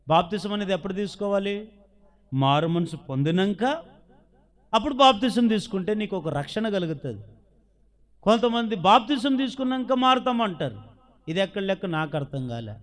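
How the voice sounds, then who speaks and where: A man with a Telugu accent preaching a sermon as pastor, asking the congregation questions and acting out the voices in the story he tells. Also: high voice. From India. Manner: preaching with rhetorical questions, acting out quoted dialogue.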